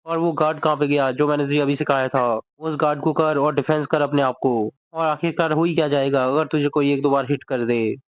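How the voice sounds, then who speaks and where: A man's voice: fairly high pitch, steady tone, a little fast, hardly any pauses, no room sound, lightly acted. A man voicing a fierce woman martial arts trainer who commands and scolds, within a manga recap. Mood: scolding. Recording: dull dry recording.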